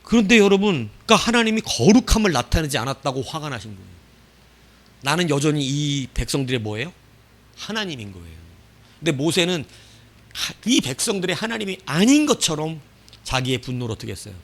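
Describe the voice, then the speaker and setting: A male pastor delivering a sermon in a somewhat high voice that rises and falls in wide, lively swings. He keeps asking the congregation questions and answering them himself. Loud outbursts drop off into hushed endings. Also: brisk. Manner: swings from loud bursts to quiet trailing phrase endings.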